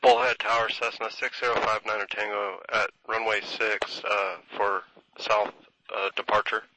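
Sharp male pilot over a headset radio. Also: lowish voice, lively intonation, normal speed, creaky, no echo. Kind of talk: aviation radio phraseology with hesitations. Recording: faintly noisy, clicking radio link.

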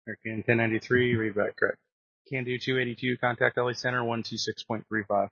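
A man's voice: mid-range voice, level tone, quick pace, vocal fry, a bit bright, slightly rough. A man giving procedural instructions as an air traffic controller over radio. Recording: muffled dry aviation radio.

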